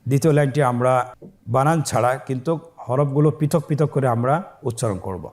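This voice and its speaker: A man teaching Quran reading, spelling out letters and vowel marks slowly and asking listeners to repeat after him. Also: medium pitch, darkish tone. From Bangladesh.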